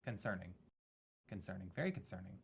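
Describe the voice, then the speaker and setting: A man's voice: sits low, big pitch swings, fairly quick, slightly rough, pitched below the performer's own voice, heavily acted. A man voicing a small, sardonic bird-person scout in a tabletop game. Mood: wry.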